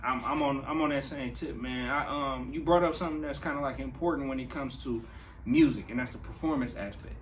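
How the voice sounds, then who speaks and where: A man hosting a radio interview, asking questions in a relaxed, easygoing way. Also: mid-range voice, brisk, distant mic. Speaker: radio host. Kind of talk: casual interview chat. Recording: off mic with faint background noise.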